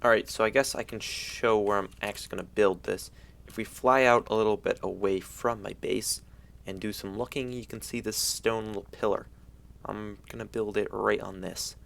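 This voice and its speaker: A young man with a fairly low voice narrates his gameplay casually. He talks like a frat bro, with loose slang and easy excitement. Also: normal speed, creaky. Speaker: gaming video host.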